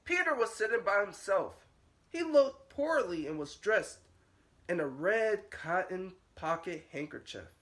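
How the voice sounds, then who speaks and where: A man's voice: sits high, big pitch swings, unhurried, fairly bright tone. Man reading a children's storybook aloud. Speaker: nursery school teacher reading aloud.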